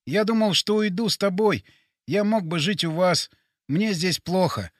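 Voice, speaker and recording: A man voicing a dying young man who speaks slowly and faintly, turning his r sounds into g sounds. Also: high voice, no room sound, clean studio sound. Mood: fading. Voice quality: burred r sounds, r spoken like g. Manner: slow, faint, halting speech. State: dying, barely audible. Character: dying young man, weak, gentle, resigned.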